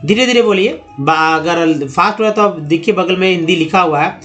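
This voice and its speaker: A high-pitched young man runs a slow pronunciation lesson, sounding out English words one syllable at a time and repeating each one. Faint music plays under his voice. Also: a bit bright. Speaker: English teacher.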